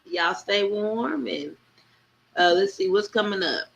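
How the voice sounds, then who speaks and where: A woman's voice: mid-range voice, a little slow, vocal fry, a bit bright, a little hiss or hum. Easygoing woman plugging events. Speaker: radio show co-host. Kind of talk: casual sign-off announcements on an online radio show.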